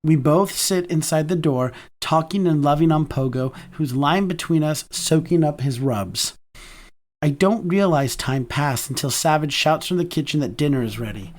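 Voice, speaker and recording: A man narrating a first-person romance audiobook in a warm, conversational manner. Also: a little high, normal speed.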